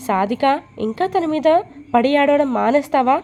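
A woman's voice: high-pitched, expressive, normal speed, a little mellow, slight background noise. Woman narrator voices a prying, teasing middle-aged sister in a storybook drama. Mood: needling. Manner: needling, nosy.

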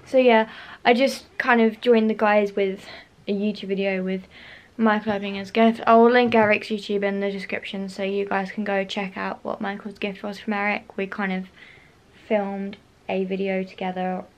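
A young vlogger sits in her bedroom at home, talking casually into a handheld camera held near her face. Her mid-range voice moves little in pitch and runs at normal speed as she rambles, says things twice and at times slips into a whisper.

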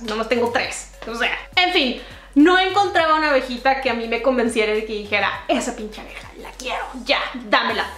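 A young woman with a Mexican accent, telling a casual storytime vlog in a lively, slangy way, laughing and acting out quotes. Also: high voice, reverberant. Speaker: vlogger.

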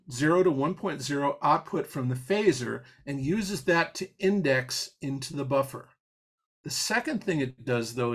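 A software instructor runs a live online coding demo on a video call, teaching an audio programming patch step by step and explaining as he goes, with fillers and restarts. His voice is medium in pitch with vocal fry.

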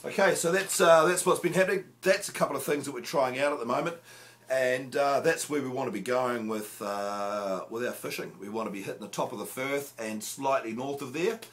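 A man's voice: medium pitch, a little fast, a bit bright. A man, hosting a casual fishing gear review in a small room, chatty and jokey with lots of filler "uh"s. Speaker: fishing show host. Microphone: camera close up at arm's length.

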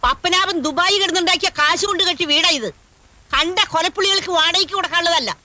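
An actress playing a bossy, quick-tempered old grandmother who owns the house. She scolds in a shrill voice in 1980s film style. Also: bright, forceful tone, a little hiss or hum, heavily acted. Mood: indignant. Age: older.

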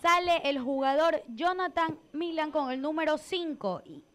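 A woman giving factual live reports from the side of a football pitch. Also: animated, unhurried, a bit bright. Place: outdoors beside a football pitch. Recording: crowd noise at outdoor pitch.

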